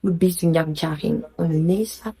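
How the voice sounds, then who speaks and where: A woman casually sharing proverbs she is learning, sounding out words slowly and correcting herself. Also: sits low, creaky, mellow, breathy edge, rough recording. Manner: hesitant, slow careful pronunciation attempts, self-correcting. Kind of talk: casual vlog lesson.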